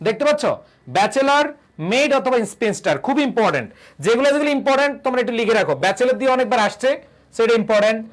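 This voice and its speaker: High-voiced man teaching grammar. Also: expressive, rapid-fire. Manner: repeats questions and answers them himself; reads out and answers viewer comments. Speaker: online English tutor. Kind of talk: live-streamed grammar lesson.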